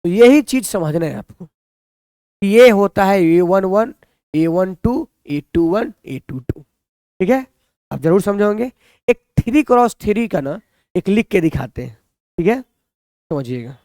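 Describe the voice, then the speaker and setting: A man's voice: high-pitched, lively intonation, slow, pauses often, darkish tone, dry recording, clean studio sound. Man teaching maths. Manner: repeats questions to students and answers them himself. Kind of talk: blackboard maths lesson.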